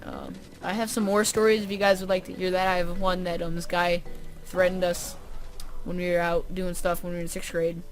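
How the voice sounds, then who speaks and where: A woman's voice: lowish voice, little pitch movement, brisk, soft background music. A young woman vlogger telling a story casually to camera, full of "um" and "like" fillers, with dry sarcastic asides.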